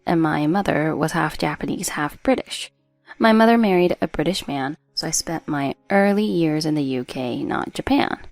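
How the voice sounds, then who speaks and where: Low gravelly woman narrating a story. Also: a little mellow, no echo. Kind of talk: scripted first-person narration.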